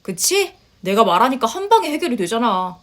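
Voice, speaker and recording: A woman voicing a blunt, self-assured young husband in a lowered, matter-of-fact voice, in a story reading. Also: very animated, brisk, fairly bright tone. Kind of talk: storytelling voice acting.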